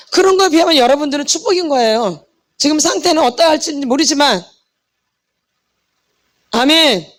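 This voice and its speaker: A middle-aged woman preaching a sermon on healing, fervent and full of rhetorical questions to her congregation. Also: high voice. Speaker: pastor's wife and healing ministry lecturer.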